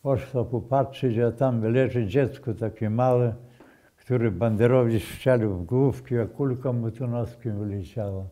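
Slow, dark-voiced older man recounting memories. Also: mid-range voice. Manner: slow, halting storytelling with restarts and repetitions. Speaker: eyewitness. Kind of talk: oral history testimony.

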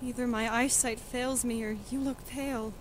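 A woman's voice: on the high side, steady tone, normal speed, a little hiss or hum, close to an everyday voice, low-quality recording. Young woman as a pleading young noblewoman. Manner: pleading, emotional. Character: young noblewoman, desperate and defiant. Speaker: student actor in a school reading.

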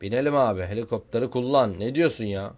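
A young man giving casual, excitable commentary while playing a video game, joking and shouting at what happens on screen. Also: mid-range voice, fast. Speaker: gaming YouTuber.

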